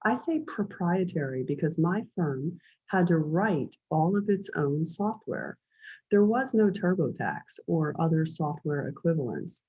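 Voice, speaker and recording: A woman's voice: deep voice, very animated, measured pace, warm tone, husky, lo-fi sound. A woman with a light Philadelphia accent, reading her own memoir aloud with conversational asides.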